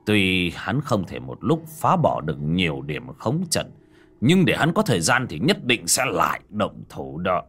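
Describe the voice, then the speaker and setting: A man voicing a grave, composed old Taoist master in an audiobook, with slow, measured, weighty delivery. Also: low-pitched, wildly swooping pitch, fairly bright tone, breathy edge, exaggerated voice. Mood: grave, calm. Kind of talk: audiobook character acting.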